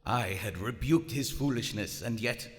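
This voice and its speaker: In a live radio drama on stage in a large historic theater, a man plays a haughty, coldly rational German submarine commander. His lowish voice is measured, lightly acted and grave, with formal, precise, theatrical diction. The hall has reverb, and music plays behind him.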